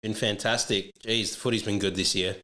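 Aussie guy guesting on a sports podcast, low voice but bright and punchy, chatty analysis. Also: steady tone, a little fast. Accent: Australian. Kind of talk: casual sports analysis chat.

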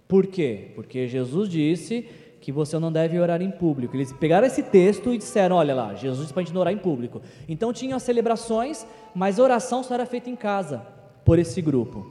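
High-voiced preacher in an echoing hall. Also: male voice, fairly quick. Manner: animated, acts out quoted voices. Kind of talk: sermon. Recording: long reverb in a large hall.

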